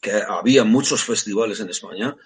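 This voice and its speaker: A husky-voiced man, talking as a guest in a casual round-table chat. He is emphatic and repetitive, circling back to the same words with plenty of fillers. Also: fairly low pitch, brisk. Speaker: guest, rock musician. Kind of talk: casual talk-show chat.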